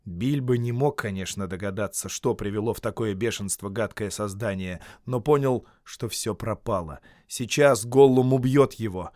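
A man reading a fantasy tale aloud as an audiobook, with expressive storytelling and dramatic shifts in loudness. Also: medium pitch, no echo, clean studio sound. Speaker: audiobook reader. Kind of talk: scripted narration.

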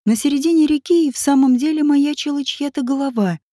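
A woman narrating an audiobook in a steady, even reading voice. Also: sits high, brisk, dry recording, clean studio sound.

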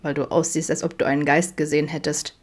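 An audiobook voice of a caring, awkward father, as a woman reads him. He talks softly and stammers when the topic gets uncomfortable. The delivery sits a little low. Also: level tone, quick pace. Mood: gentle, awkward. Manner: gentle, stammering. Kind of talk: audiobook reading.

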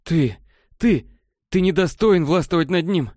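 A man voicing a frenzied long-haired male elf stalker who screams threats in a raised, loud voice. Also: a little high, expressive, measured pace, no echo, clean studio sound, voice pushed up.

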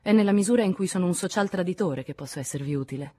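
A wary, sceptical male writer, read by a woman in an audiobook, speaking in curt, dry replies. The voice is low and mellow with a husky edge. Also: lively intonation, racing.

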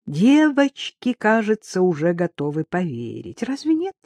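A woman's voice: fairly low pitch, lively intonation, normal speed, dark tone, no echo. A woman reading aloud, voicing an offended young woman who defends herself resentfully and insistently.

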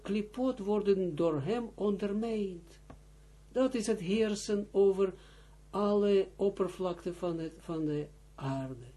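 Male rabbi teaching a text line by line, high-ish voice, slow and halting, keeps saying pay attention. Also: mellow. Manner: reads Hebrew and Aramaic phrases, then explains them in Dutch; repeats phrases and urges close attention. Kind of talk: line-by-line text study lesson.

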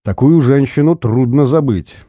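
A man voicing a calm, mocking former agent who threatens an old officer, menacing and cold. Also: medium pitch, normal speed, dry recording, clean studio sound, pitched above the performer's own voice, natural voice.

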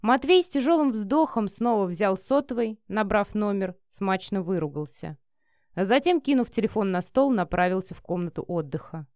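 Woman narrator, audiobook, steady even reading, medium pitch, dry close sound. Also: normal speed, no echo.

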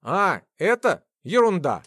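A hot-tempered young werewolf who snarls and barks his words, as a male reader acts him out. The gruff lines come close and dry, with lively jumps in pitch. It is an audiobook fantasy brawler. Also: slow, no echo, exaggerated voice. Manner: growling, barking threats.

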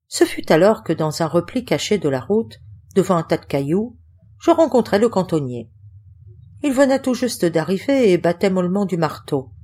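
A woman reading an adventure novel aloud as scripted audiobook narration, measured and expressive. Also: lowish voice, husky. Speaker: audiobook reader.

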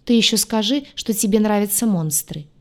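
A woman voicing a jealous, rude young redheaded alien woman in an audiobook, with a shrill, indignant manner. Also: normal speed, natural voice. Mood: scornful.

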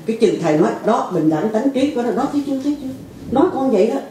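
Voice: mid-range voice, expressive, dark tone. A retreat attendee tells a long, rambling story and then asks the teacher a question. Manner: rapid, rambling account. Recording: echoey hall, from far off.

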